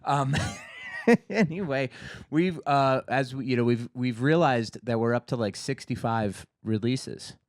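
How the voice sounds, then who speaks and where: Podcast co-host, man, casual rambling chat, average pitch, dry recording. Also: slow, no echo. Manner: rambling, filler-heavy, joking. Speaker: podcast co-host, label founder.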